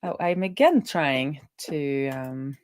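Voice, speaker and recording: This woman has a low, expressive voice and takes her time. She's a web developer on a live stream, casually thinking aloud and narrating each coding step to herself.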